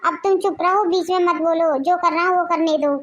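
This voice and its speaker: A woman's voice: very high-pitched, fairly even intonation, moderate pace, fairly bright tone, dull audio. A woman voicing a bossy husband who harshly scolds his wife. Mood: stern. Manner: scolding, commanding.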